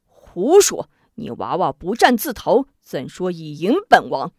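A woman's voice: mid-range voice, sing-song, a little slow, dry recording, studio quality. A woman storyteller voicing an arrogant, hot-tempered elderly prince who blusters proudly. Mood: blustering.

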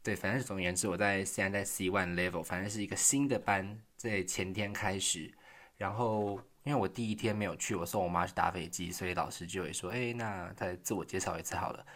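一位台湾口音的年轻男性，以轻松随意的方式讲述日常故事，爱自嘲，常笑着模仿对话。. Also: male voice, sits low, fairly even intonation, a little fast, a bit bright. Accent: Taiwanese Mandarin. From Taiwan. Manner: chatty, self-deprecating, laughs often, acts out dialogue. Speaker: vlogger. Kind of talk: casual storytelling monologue. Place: quiet room.

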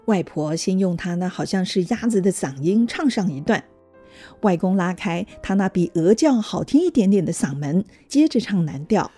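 Brief: woman narrator for a kids' audio story, low mellow husky voice. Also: normal speed, faint music behind. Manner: gentle, even storytelling.

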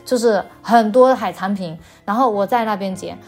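A woman's voice: mid-range voice, moderate pace, darkish tone, faint music behind. A woman from China telling a personal faith story in an interview, hesitant and often repeating her words. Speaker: interview guest.

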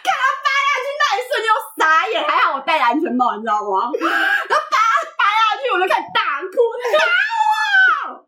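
A woman's voice: very high-pitched, wildly swooping pitch, quick pace, few pauses, heavy background noise. A young woman with a Taiwanese Mandarin accent telling a dramatic story in casual podcast chat, often laughing. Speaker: podcast guest.

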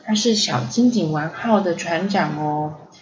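A woman's voice: on the low side, measured pace, crowd noise, close to an everyday voice. Woman doing a curious little boy. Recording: slightly dull lo-fi audio.

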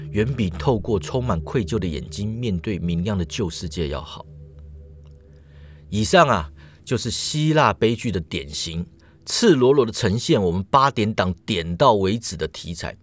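A man narrating myths dramatically as a podcast host. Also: fairly low pitch. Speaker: podcast host, myth storyteller. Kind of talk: storytelling narration.

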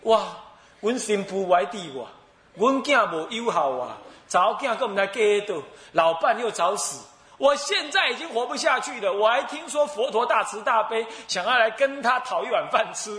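A man's voice: high voice, very animated, racing, hardly any pauses, reverberant, pitched above the performer's own voice. A monk putting on a wailing old man. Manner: whiny, pleading, crying out. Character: miserable elderly man, wailing and self-pitying.

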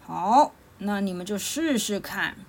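A woman voicing a proud, gruff male mountain god who sneers at two small children in a storybook tale. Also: medium pitch, expressive, measured pace. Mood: scornful. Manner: scornful, sneering.

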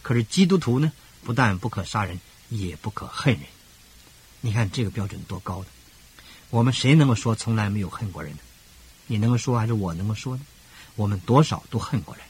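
Older male radio preacher, deep and raspy, emphatic cadenced delivery. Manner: emphatic, rhythmic parallel phrasing with sudden rises. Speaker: pastor. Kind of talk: radio sermon.

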